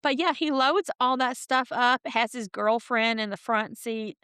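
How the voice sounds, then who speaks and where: A woman's voice: fairly high pitch, unhurried, bright, forceful tone, clear, resonant tone, no echo. Chatty woman podcast co-host, dry sound. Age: older than her co-host. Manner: chatty, laughs often while telling stories. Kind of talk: casual chat.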